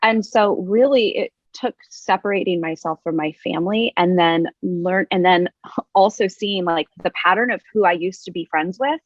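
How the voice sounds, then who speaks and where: A woman's voice: lowish voice, normal speed, dry recording. A woman guest in a candid podcast conversation, telling stories bluntly and acting out the voices of other people. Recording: dull, dry lo-fi audio.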